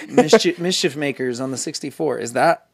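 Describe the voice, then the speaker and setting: A man's voice: a little high, normal speed, gravelly. A man co-hosting a casual gaming podcast chat, rambling and joking, laughing often.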